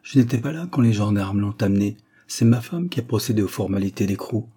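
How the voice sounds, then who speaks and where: A naive, flustered old jailer, read by a male narrator in a story reading. He speaks hesitantly and apologetically, in a low voice that is dark and husky. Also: lively intonation, a little fast. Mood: sheepish.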